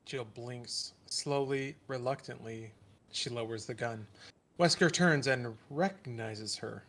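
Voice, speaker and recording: A man's voice: mid-range voice, slow pace, a bit bright. A man casually reading stage directions aloud during a stream, with chuckling asides. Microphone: home streaming mic.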